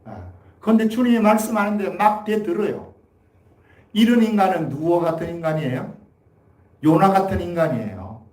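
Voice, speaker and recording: Speaking at normal speed but with long pauses, a man whose voice sits high and sounds darkish preaches as pastor on Sunday. The church sanctuary gives an echoey sound as he moves from a folksy story to emphatic exhortation.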